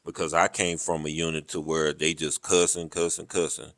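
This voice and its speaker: A man in his thirties from the American South with a Southern drawl, talking slowly and evenly in a casual interview. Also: no room sound. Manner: slow, deep, even delivery. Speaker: Army noncommissioned officer, guest.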